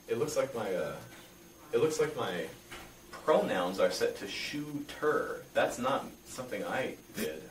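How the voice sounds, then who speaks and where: A young adult man being interviewed, explaining things casually in a hesitant, rambling way. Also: deep voice. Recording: echoey room, distant mic, faint noise.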